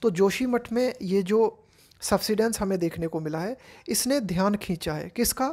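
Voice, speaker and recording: An Indian woman teaching English, reading editorial phrases slowly and explaining each one in Hindi. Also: mid-range voice, darkish tone.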